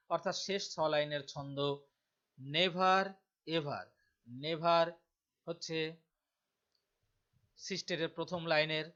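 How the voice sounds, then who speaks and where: A man's voice: a little high, fairly bright tone. Man teaching a poem. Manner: slow, emphatic reading of quoted verse lines. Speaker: literature teacher. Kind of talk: explaining a poem to students. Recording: dull lo-fi sound.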